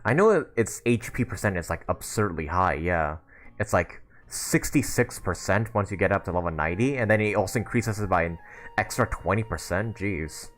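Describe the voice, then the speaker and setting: Over game music, a man with a deep, fairly bright voice chats casually with viewers while playing on his livestream. He's animated and speaks at a moderate pace, rambling and thinking out loud as he goes.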